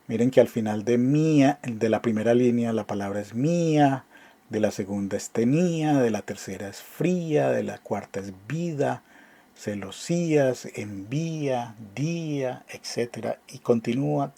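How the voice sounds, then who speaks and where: A man teaching a literature class online, explaining step by step with frequent pauses and restarts. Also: medium pitch, expressive, mellow. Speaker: literature professor.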